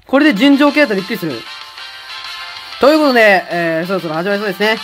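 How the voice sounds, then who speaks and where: A woman streaming a game in casual commentary, loud and laughing a lot, with rough boyish talk. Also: medium pitch, lively intonation, rapid-fire, soft background music.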